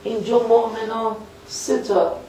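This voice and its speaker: A man preaching a religious lecture, speaking in a folksy way, questioning his listeners directly and quoting scripture in a slow, measured cadence. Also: high-pitched, fairly even intonation, mellow, a little hiss or hum.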